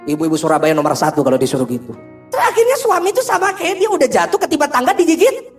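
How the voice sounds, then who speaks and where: A man preaching a sermon as senior pastor, animated and joking as he talks straight to the congregation. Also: very high voice, fast, faint music behind.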